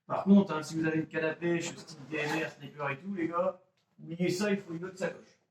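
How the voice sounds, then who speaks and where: A chatty man shows off his kit, talking straight to his viewers and joking at his own expense. His voice sits a little high for a man. The sound is roomy, and he is heard from some distance off the mic. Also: steady tone, fairly quick, background noise. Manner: chatty, addresses viewers as "les gars", self-mocking. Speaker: airsoft gear vlogger. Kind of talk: casual gear show-and-tell. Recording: roomy echo, mic a bit far off.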